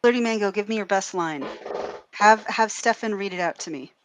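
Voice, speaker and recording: A woman's voice: medium pitch, normal speed, music in the background. A woman co-hosting a live drawing stream, chatting casually and acting out the lines of stories she tells. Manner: chatty storyteller who acts out quoted lines. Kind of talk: casual chat.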